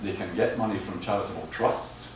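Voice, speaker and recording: A man lectures in a very low voice, picked up from far off in a reverberant hall. He hesitates and repeats words as he explains his points. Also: a little fast. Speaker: lecturer on footpath management. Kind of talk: lecture with audience questions. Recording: echoey hall, distant mic, noise.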